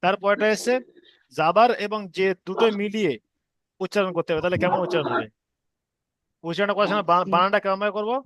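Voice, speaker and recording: In an online reading lesson, a man with a high, slightly bright voice patiently spells out sounds one syllable at a time. He drills slowly and repeats each sound.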